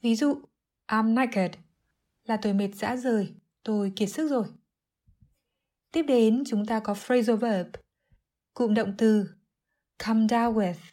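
A woman giving an English vocabulary lesson, explaining clearly and methodically, word by word. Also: on the high side, slow pace, pauses often, mellow. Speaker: English teacher.

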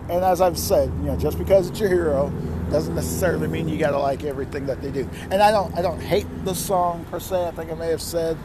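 A man's voice: fairly high pitch, background noise. A man hosting a music top ten countdown in a casual, rambling way, with frequent asides. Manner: chatty, rambling, self-interrupting asides. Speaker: music countdown show host.

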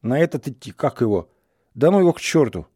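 A man's voice: mid-range voice, very animated, a little fast, dark tone, slightly rough, dry recording, clean studio sound, voice pushed up. A man voicing a restless young village man who talks in heated, sardonic bursts. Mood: restless, bitter. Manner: heated, sardonic, rising outbursts.

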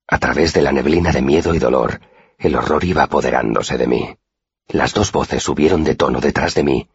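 A man narrating a first-person fantasy audiobook in an expressive storytelling manner. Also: very deep voice, vocal fry, slightly rough, no room sound, lo-fi sound.

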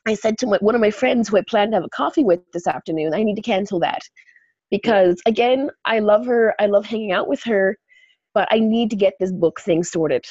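Sick woman podcast cohost, husky, kinda high voice, animated, dull lo-fi sound. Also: moderate pace, dry recording. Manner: animated, laughs often, acts out her inner voices. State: sick, clearing throat and coughing. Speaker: podcast co-host. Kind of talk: casual chat.

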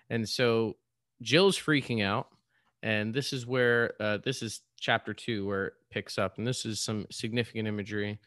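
A man's voice: lowish voice, fairly bright tone, no room sound, clean studio sound. A man who is a pastor, casually retelling and reading from a story in a conversational way with fillers and asides.

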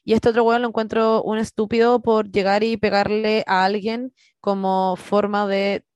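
A woman's voice: medium pitch, little pitch movement, moderate pace, darkish tone, clear, resonant tone, no room sound, dull audio. Slangy Chilean young woman, dry close sound. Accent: Chilean Spanish. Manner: slangy, storytelling, acts out quotes. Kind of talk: casual chat.

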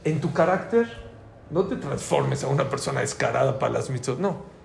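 A man's voice: mid-range voice, moderate pace, vocal fry. A middle-aged man with a Mexican Spanish accent teaching an informal religious class, telling anecdotes and acting out the dialogue. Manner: lively storyteller, acts out dialogue. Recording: echoey room with faint ambient noise.

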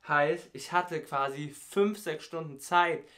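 This young vlogger hasn't slept and sounds tired as he chats casually, complete with a stutter, lots of youth slang and rap parody moments. His slightly high voice is sharp in tone, and he speaks slowly.

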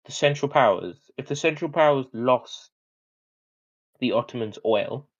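A young British man chatting loosely on a history podcast, rambling through his points and dropping the odd swear word. His voice sits at a middle pitch. The audio is a bit dull and lo-fi. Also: expressive, unhurried. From Britain. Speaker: co-host. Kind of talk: casual history podcast chat.

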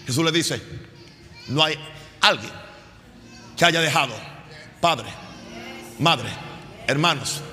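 A middle-aged man preaching a sermon as pastor, fervent, shouting out calls and then dropping to quiet storytelling. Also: on the high side, slow, pauses often. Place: large church. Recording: long reverb of a large church hall.

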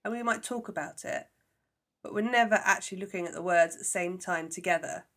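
A woman's voice: on the low side, fairly quick, a bit bright. A woman co-hosting a podcast in casual chat, talking in a bubbly way while getting over a cough and a cold. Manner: chatty, bubbly, says "like" often. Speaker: podcast co-host.

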